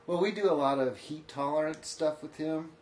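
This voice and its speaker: A man, a coach who trains athletes, talking in a relaxed, matter-of-fact way as a podcast guest in his home office. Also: fairly high pitch, moderate pace, reverberant, slight background noise. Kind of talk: casual podcast conversation.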